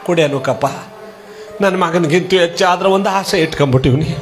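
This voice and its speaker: A man's voice: a little high, a little fast, soft background music, pitched below the performer's own voice, natural voice. Man doing a stubborn, wheedling old village woman.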